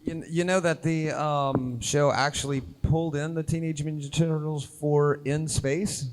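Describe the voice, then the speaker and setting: A man's voice: on the high side, fairly even intonation, normal speed, slight background noise. A man chatting casually as a guest actor on a panel.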